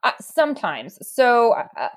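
Her voice fairly high and sing-song, a woman explains real estate topics as an interview guest. She talks conversationally, pausing thoughtfully and halting while she sorts out each point.

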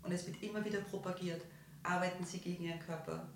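Earnest low-voiced woman. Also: steady tone, quick pace, slight background noise. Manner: earnest, emphatic, reasons through examples. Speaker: psychotherapist or psychiatrist guest. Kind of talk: explanatory interview talk.

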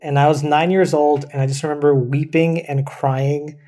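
A man's voice: fairly high pitch, moderate pace, soft background music. Chatty male reporter from Pakistan. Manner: relaxed, chatty, frequent "like" and "you know". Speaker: senior producer and reporter. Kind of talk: casual conversational interview.

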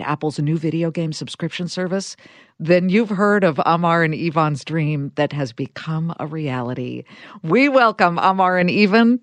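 A woman's voice: sits low, no room sound. A woman hosting a podcast, interviewing guests with enthusiasm. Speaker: podcast host.

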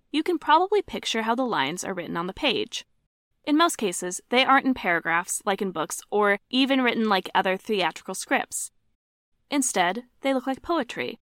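A woman's voice: medium pitch, fairly bright tone, no room sound. Playful woman podcaster, dry close mic. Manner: playful, sounds out rhythms aloud. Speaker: podcast co-host. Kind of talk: scripted explainer narration.

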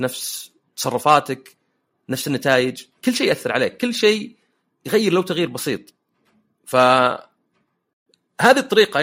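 A man's voice: fairly high pitch, a bit bright. A man hosting a casual podcast chat, telling jokey personal anecdotes. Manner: anecdotal, joking storyteller. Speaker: podcast host.

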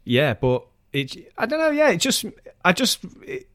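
A man's voice: sits high, wildly swooping pitch, a little slow, fairly bright tone, no room sound, clean studio sound. A man in his thirties chatting casually and animatedly, rambling through a story about his life. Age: 30s. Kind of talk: casual podcast chat.

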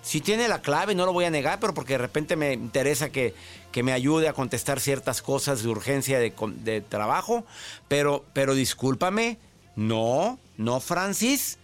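A man hosting a call-in advice radio show, lively and chatty with joking asides. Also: medium pitch, normal speed, soft background music. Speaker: radio show host, psychologist.

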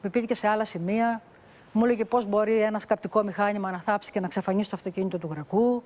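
A woman's voice: medium pitch, fairly even intonation, darkish tone. A woman journalist recounts an investigation in an interview. She tells it vividly and acts out the dialogue as she goes. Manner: vivid storytelling, quoting dialogue.

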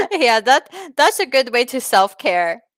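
A self-proclaimed self-care expert stumbles through broken English, restarting her sentences and mangling grammar, as a woman plays her in a comedy bit. Her voice is bright and a touch high. The sound is dry and close. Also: very animated, slow pace, no echo, heavily acted. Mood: deadpan advice. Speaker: comic advice giver.

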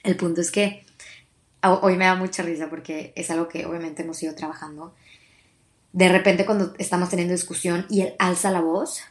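A woman's voice: fairly low pitch, fairly even intonation, brisk. A young woman in her twenties with a Mexican accent, hosting a podcast in a chatty, confiding way, with many fillers and restarts. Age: 20s. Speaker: podcast host. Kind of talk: casual personal podcast monologue.

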